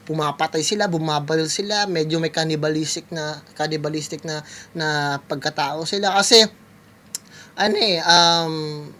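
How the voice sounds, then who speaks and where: Bright-voiced man rambling to viewers. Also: high voice. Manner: rambling, full of fillers, keeps addressing viewers as guys. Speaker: music producer reacting to a video. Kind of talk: casual reaction commentary. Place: California.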